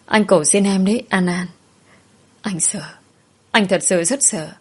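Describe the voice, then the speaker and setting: A woman narrator voicing a grieving young husband who pleads quietly and tearfully at his wife's hospital bed. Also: medium pitch, unhurried, husky. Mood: pleading.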